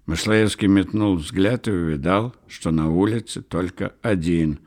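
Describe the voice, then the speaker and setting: A man reading a novel aloud as an audiobook narrator, measured and expressive. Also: sits low. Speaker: audiobook reader. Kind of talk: scripted literary narration.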